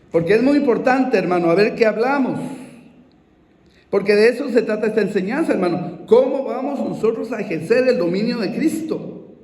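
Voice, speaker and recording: A man preaching a sermon, unhurried, repeating his phrases and calling out to his brothers in the congregation. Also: high-pitched, darkish tone, reverberant, long reverb tail, poor audio.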